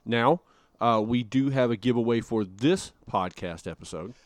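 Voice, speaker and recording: A man's voice: mid-range voice, dry recording. Jokey male podcast co-host, dry sound. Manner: jokey, playful, drawn-out emphasis. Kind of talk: casual podcast chat.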